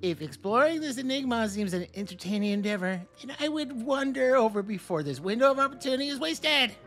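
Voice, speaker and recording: A man's voice: very high-pitched, lively intonation, a little fast, a bit bright, soft background music, pitched above the performer's own voice, full character voice. A man voicing a formal, grandiloquent male townsperson with elaborate phrasing. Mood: pompous.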